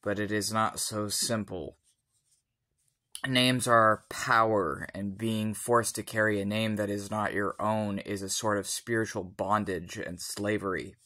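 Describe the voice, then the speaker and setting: A tipsy man giving a solemn personal monologue in deliberate, formal phrasing. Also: on the low side, steady tone, pushed and bright. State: tipsy from alcohol.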